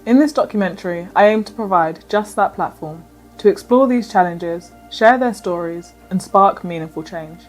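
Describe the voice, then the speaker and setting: A woman's voice: medium pitch, moderate pace, soft background music. Woman narrating a documentary intro. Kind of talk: scripted narration.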